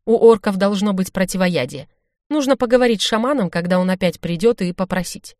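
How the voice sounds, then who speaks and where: A woman's voice: mid-range voice, lively intonation, brisk, darkish tone, no room sound, natural voice. An eager male captain, as a woman narrator reads him, speaks with hopeful confidence. The sound is dry and close.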